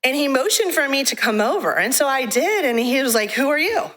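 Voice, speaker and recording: A woman from a ministry giving a frank, animated testimony talk in a church, telling her story with laughs. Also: high voice, brisk. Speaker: guest speaker from a ministry. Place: church sanctuary.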